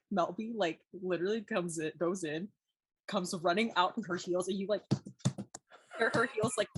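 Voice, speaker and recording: Chatting casually as a podcast co-host, a young woman retells a story with many "like"s and acted-out quotes, animated throughout. Her voice is lowish at normal speed, and the background is noisy.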